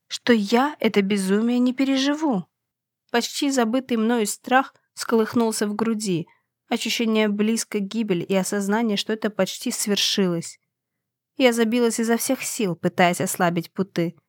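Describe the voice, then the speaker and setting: A woman's voice: on the high side, moderate pace, no echo, studio quality. A woman reading a first-person fantasy audiobook, with dramatic, tense storytelling. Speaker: audiobook narrator.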